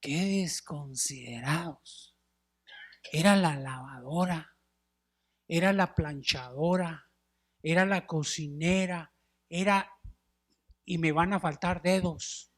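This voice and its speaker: A middle-aged pastor preaches a sermon in a church sanctuary, his slightly high voice moving slowly with frequent pauses. He tells stories with animation, acting out wailing mourners, calling his listeners brothers and dropping in English words.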